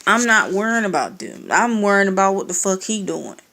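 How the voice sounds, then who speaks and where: A woman's voice: medium pitch, fairly quick. Profane sarcastic young woman ranting. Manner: profane, sarcastic, animated retelling with quoted exchanges. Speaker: vlogger telling a story. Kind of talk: casual storytelling rant.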